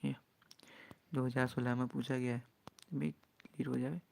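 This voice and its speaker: A man teaching an exam-prep lesson, drawling poem lines slowly, spelling words letter by letter and asking students to repeat. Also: medium pitch, level tone, creaky, darkish tone, slight background noise.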